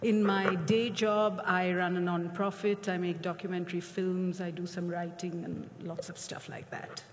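A woman, a board member introducing herself, warm and eager. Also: lowish voice, little pitch movement, moderate pace, a little hiss or hum. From India. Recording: conference hall reverb.

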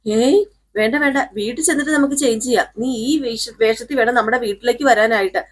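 A woman voicing a scheming middle-aged mother who coaxes in a slow, lowered voice. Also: slight background noise, lightly acted. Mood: insistent.

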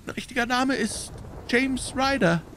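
Jittery little hotel servant, squeaky, trembling, way up high. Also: male voice, unhurried, pushed and bright, slight background noise, full character voice. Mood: pleading. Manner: whimpering, trembling, stammering. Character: nervous, frightened small young man.

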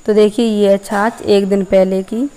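A woman's voice: medium pitch, little pitch movement, a little slow, warm tone, clean tone. A young woman from Uttar Pradesh, India, explaining each step as she cooks in a rural courtyard. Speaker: village cooking vlogger. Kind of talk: casual cooking narration.

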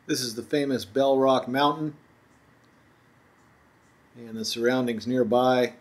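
A man narrating his own road trip as a travel voice-over, in a relaxed, chatty tour-guide manner. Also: mid-range voice, slow pace.

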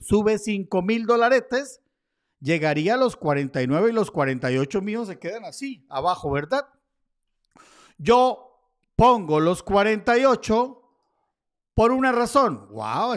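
A man giving casual market commentary over charts, chatty and joking with his viewers. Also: high-pitched. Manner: chatty, jokey asides to viewers. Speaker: crypto chart analyst.

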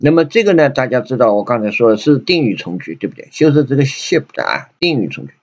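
A man with a Chinese accent teaching an English grammar lesson, repeating himself and reading English lines slowly. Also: mid-range voice, very animated. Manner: repetitive, many fillers and restarts, reads English slowly. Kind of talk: grammar lesson explaining sentences. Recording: dull lo-fi recording.

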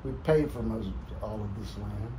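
Middle-aged male cowboy poet, with a cowboy drawl, homespun talk and verse, over clear room noise. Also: on the low side, moderate pace. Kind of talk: casual talk and recited cowboy poetry. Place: boot shop, indoors. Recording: noisy shop room ambience.

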